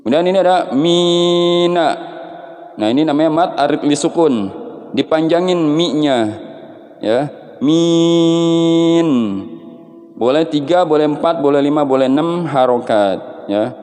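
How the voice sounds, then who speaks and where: Male recitation teacher, slightly high voice, unhurried, chanting examples, reverberant space. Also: a little mellow, soft background music. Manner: patient, slow explaining with drawn-out chanted examples. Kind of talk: tajwid lesson with chanted recitation.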